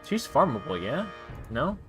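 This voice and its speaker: A man's voice: mid-range voice, big pitch swings, a little slow, over music. A man streaming live and casually commenting on his gameplay, rambling with frequent restarts and self-corrections. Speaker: game streamer.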